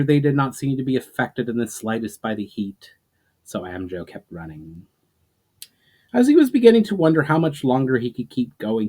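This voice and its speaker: An adventure story is read aloud by a man whose voice is medium-pitched and a little mellow. He narrates dramatically, beginning phrases emphatically and allowing them to trail off.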